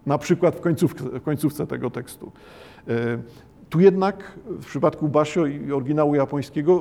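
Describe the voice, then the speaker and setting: A man giving a slow, reflective lecture, pausing often and hesitating between phrases. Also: fairly high pitch, mellow. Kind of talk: lecture on Japanese poetry.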